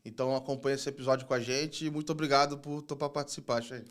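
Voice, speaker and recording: Man, podcast host, smooth voice, casual slangy chat. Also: medium pitch, steady tone, fast. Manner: laid-back, slangy, says "cara" often.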